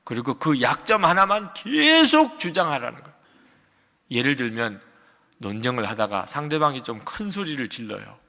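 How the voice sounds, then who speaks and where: An older man preaching a sermon as pastor, moving between loud emphatic peaks and quiet low asides. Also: very animated, normal speed, creaky. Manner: acts out a shouting quarrel in quotes. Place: large church sanctuary. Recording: long hall reverb of a church sanctuary.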